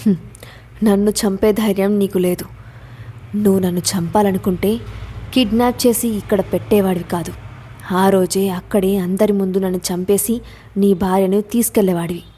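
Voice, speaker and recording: A woman's voice: medium pitch, fairly even intonation, moderate pace, dark tone, a little hiss or hum, close to an everyday voice. A woman voicing a wounded young man who is tied up and alternately pleads and defies his captor, in an audio story. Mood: defiant. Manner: stammering, pleading then defiant. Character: injured young man, bound, defiant and pleading.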